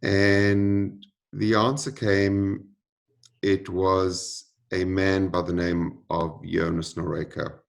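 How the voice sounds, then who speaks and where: A man giving interview answers in a measured, solemn way. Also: low-pitched, little pitch movement, creaky. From United States. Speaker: interview guest.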